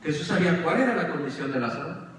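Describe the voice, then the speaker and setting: A man preaching a sermon with dramatic swings, raising questions and dropping to hushed, low emphasis. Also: expressive, quick pace, slight background noise. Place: church sanctuary. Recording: echoey church hall, far from the mic.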